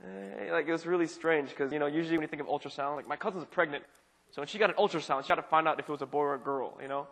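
A man's voice: on the high side, racing, creaky, a bit bright. A young man preaching a casual, conversational sermon as a pastor, full of "you know" and "like" fillers. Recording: long reverb of a hall.

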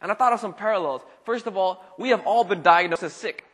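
A young man gives a relaxed, talky sermon, peppered with fillers like "you know" and "like." His voice sits a little high for a man. It rings out with the long reverb of a church hall. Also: fast talker. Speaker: pastor. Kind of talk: casual conversational sermon.

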